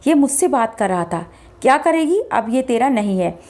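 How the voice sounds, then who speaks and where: A woman's voice: fairly high pitch, sing-song, moderate pace, a little mellow. A woman voicing a vengeful, possessive female spirit who speaks through a man and threatens the people around her. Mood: threatening. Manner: threatening, commanding.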